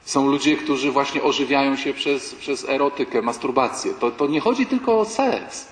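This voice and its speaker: A male priest giving a sermon-like talk, telling anecdotes with animated storytelling and acting out the people in them. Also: medium pitch, normal speed. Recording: echoey hall with long reverb, faint background ambience.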